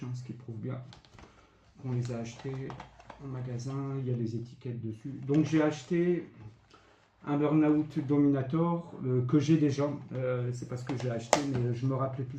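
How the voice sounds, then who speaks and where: This retro game vlogger has a warm, mid-range male voice. He casually walks through his recent purchases, rattling off each game and its price with lots of filler words. Faint noise hangs in the echoey room.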